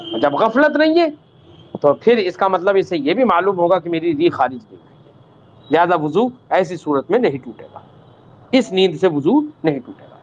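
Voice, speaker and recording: A man's voice: high-pitched, big pitch swings, slight background noise. A man teaching an Islamic law lesson. He recites Arabic text, then explains it patiently, calls the students "child" and checks that they understood. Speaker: religious teacher. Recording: dull lo-fi recording.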